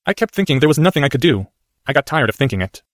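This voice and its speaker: A man's voice: mid-range voice, big pitch swings, rapid-fire, no echo, clean studio sound, pitched above the performer's own voice, natural voice. A man voicing an earnest, anxious boy wizard, speaking in a strained, urgent way. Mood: strained, pleading.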